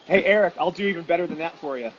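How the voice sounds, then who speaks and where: A man's voice: fairly high pitch, rapid-fire. A man giving casual, emphatic explanations as an instructor, often posing questions and answering them with examples. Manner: informal, emphatic, self-questioning teaching with examples. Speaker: dog detection trainer and instructor. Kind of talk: casual explanatory interview talk. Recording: dull lo-fi audio with faint noise.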